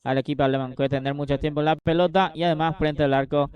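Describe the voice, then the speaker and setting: A man's voice: on the high side, flat delivery, quick pace, dull audio. A man with a Paraguayan accent giving live match analysis as a football co-commentator.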